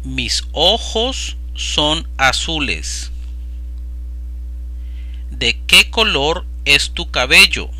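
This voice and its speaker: A man whose voice is a little high, very animated and sharp in tone runs a slow Spanish vocabulary drill over slides. He pronounces each practice phrase carefully, reading them aloud one at a time.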